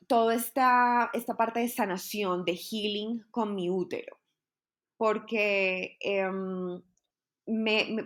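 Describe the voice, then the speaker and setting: A woman's voice: on the low side, a bit bright. A woman, a podcast guest telling a personal story in an earnest, heartfelt way, often repeating words.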